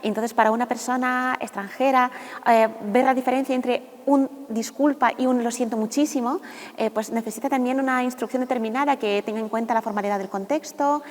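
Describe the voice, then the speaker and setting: A woman, a researcher explaining in a measured, academic way. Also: a little high, fairly even intonation, big-room sound. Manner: measured, academic, uses hesitation fillers. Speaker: university researcher. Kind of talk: explanatory radio interview answers.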